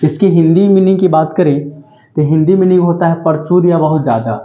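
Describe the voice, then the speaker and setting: This tutor teaches English vocabulary for exams, speaking fairly quickly in a voice on the high side, with slight background noise. His style is repetitive drilling, with frequent "ठीक है" and self-posed questions. The room is echoey and the lo-fi sound is dull and roomy.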